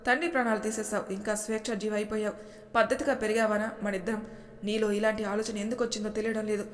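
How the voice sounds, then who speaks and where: A man's voice: sits high, little pitch movement, fast, a bit bright, in a large hall. A woman voicing a stern, grieving young man who coldly reproaches his sister.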